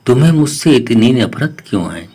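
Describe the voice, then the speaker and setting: A man voicing a grieving male parrot in a storybook tale, speaking softly and pleading. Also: medium pitch, big pitch swings, moderate pace, breathy edge, voice pushed up. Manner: soft, pleading.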